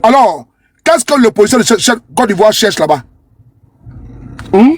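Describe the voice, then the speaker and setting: A man's voice: sits high, very animated, moderate pace, a little hiss or hum. A man commenting to camera while scrolling through a page. He talks in a repetitive, scornful way and keeps asking his viewers if they see. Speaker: online commentator.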